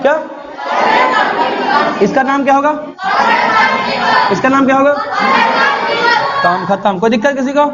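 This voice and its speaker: A man's voice: extremely high pitch, a little slow, long pauses, a loud crowd. A male teacher, giving a live classroom lecture, drilling and coaxing his students and scolding them to repeat aloud. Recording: muffled classroom recording with steady noise.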